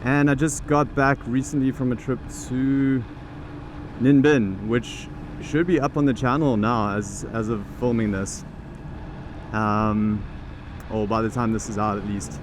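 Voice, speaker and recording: With traffic rumbling in the background, a man talks to the camera as he rides a motorbike through the city outdoors. He's a vlogger and the founder of a teaching program, and his medium-pitched voice is unhurried, relaxed and chatty as he thinks aloud and starts over.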